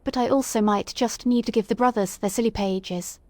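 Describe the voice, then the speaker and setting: A woman's voice: fairly high pitch, fairly even intonation, normal speed, a little mellow, dry recording. Cast: woman streamer, casual gaming chat through livestream headset audio, greeting viewers and thinking aloud.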